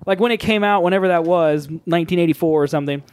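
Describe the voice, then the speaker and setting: A man's voice: on the high side, rapid-fire, clean tone, no room sound. A man hosting a casual chat show, joking and rambling and laughing often. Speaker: podcast host.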